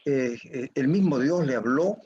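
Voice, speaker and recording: A man speaking up from among the class, dark-voiced and hesitant, stumbling over fillers as he asks. He sits away from the mic, so his voice comes through dull with faint noise behind it. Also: mid-range voice, a little slow. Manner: hesitant, fillers while asking. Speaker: class member asking a question.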